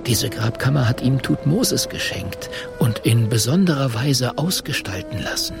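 A man's voice: big pitch swings, normal speed, gravelly, over music. A man voicing a skittish, forgetful old-time scribe who talks in a raised, nervous voice. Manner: nervous, higher voice.

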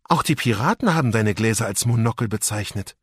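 A quick, curious young girl, voiced by a man in a storybook reading, firing off brisk questions. The voice is pitched far above the reader's own and stays husky. Her pitch jumps about lively. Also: no room sound, clean studio sound.

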